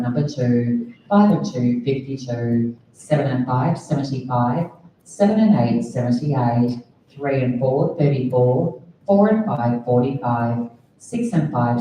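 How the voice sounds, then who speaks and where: A woman with an Australian accent working as a bingo caller, reading out numbers and hall announcements in a measured, formulaic way. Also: warm tone. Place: large bingo hall over a PA. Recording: echoey hall PA, distant, faint rumbling noise.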